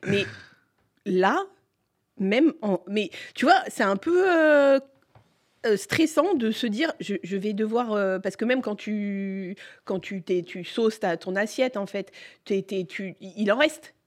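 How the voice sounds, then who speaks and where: An excitable woman hosting a relaxed food chat with chefs. She gushes and exclaims, often restarting her sentences as she talks, at an ordinary middle pitch. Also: slow. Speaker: food journalist and host.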